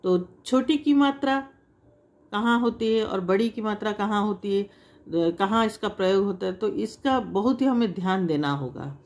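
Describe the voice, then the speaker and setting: A woman's voice: mid-range voice, animated, normal speed, darkish tone. A woman teaching a language lesson to children, explaining patiently with repeated examples and drawing out vowel sounds to demonstrate them. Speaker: Hindi teacher.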